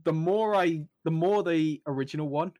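A man's voice: on the high side, normal speed, over a noisy crowd. A young man hosting a podcast, bantering casually in a jokey, teasing way with his co-hosts. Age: young adult. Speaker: podcast host.

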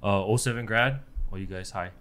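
A man, a podcast guest who chats casually and halts often with filler pauses. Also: lowish voice, fairly bright tone, smooth. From Hawaii. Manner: halting, many filler pauses.

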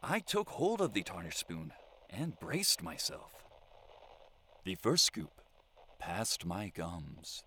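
An eccentric, lonely survivor hosts his own radio show , played by a man. His low voice swoops wildly up and down as he drawls in a flowery, mock-formal, theatrical manner. He savors every slow word. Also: a bit bright, a little hiss or hum, exaggerated voice. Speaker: lone radio broadcaster. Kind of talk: audio drama monologue.

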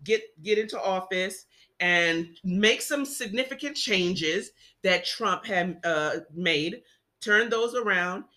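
A woman speaks with a bright, clear voice in an easygoing discussion. She works through her thoughts earnestly, restarting phrases and trailing into fillers as she goes. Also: medium pitch, takes it slowly. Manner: earnest, rambling with many restarts. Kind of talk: casual discussion.

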